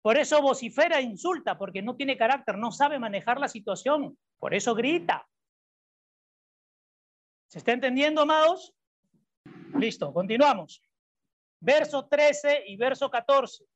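Speaking a little slowly with long pauses, this woman preaches a sermon that includes Bible reading, and her high voice stays animated throughout. She is a preacher and psychologist who repeats her main points and questions the congregation, heard through a dull lo-fi recording.

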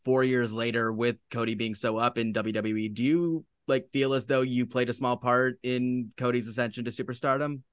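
A man's voice: medium pitch, fairly even intonation, moderate pace, few pauses, smooth, no echo, clean studio sound. A man hosting a casual podcast interview, asking questions with a self-aware, joking manner. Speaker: podcast host.

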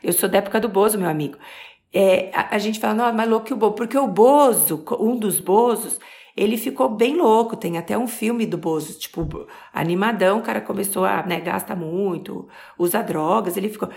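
A Brazilian woman in her forties talks straight to her listeners in a motivational podcast monologue. Her mid-pitched voice carries a gravelly vocal fry. She leans on words and draws them out for emphasis. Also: brisk. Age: 40s. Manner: expressive, emphatic, stretches key words. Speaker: podcast host.

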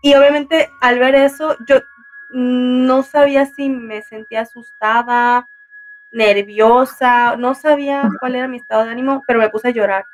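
A woman's voice: high voice, steady tone, normal speed, soft background music. A woman telling a personal story in casual chat, rambling and full of fillers. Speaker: guest telling a paranormal story.

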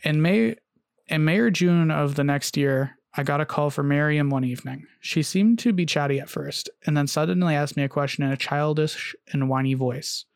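A man's voice: on the high side, moderate pace, creaky, clear, resonant tone, no room sound, studio quality. A man hosting a casual podcast, telling a story with frequent "uh"s and restarts and reading long quotes aloud. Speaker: podcast host.

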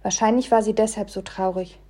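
A woman narrating an audiobook in the first person, expressive, dropping to a hush and rising again with the scene. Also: medium pitch, fairly quick. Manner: expressive, shifts between hushed and loud for the scene. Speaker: audiobook reader.

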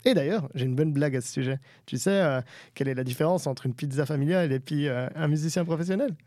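Man, joking co-host, very fast, dry room. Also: on the high side, mellow, no echo. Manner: flustered, joking. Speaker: radio co-host. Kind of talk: live radio banter.

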